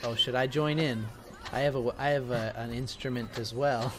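A man's voice: medium pitch, fairly even intonation, normal speed, background noise. A man streaming a video game, chatting casually and reacting with jokes and swearing. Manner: joking, sweary. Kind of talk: casual gameplay chat and reactions.

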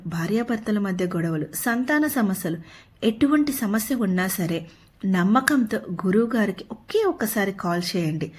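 A woman announcing an advertisement in a brisk, persuasive sales-pitch manner. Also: breathy edge. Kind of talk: read advertisement.

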